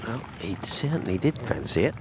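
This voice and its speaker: A man's voice: mid-range voice, sing-song, fairly quick. A man giving live golf commentary in a conversational way. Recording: clear outdoor ambient noise. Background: outdoor ambience.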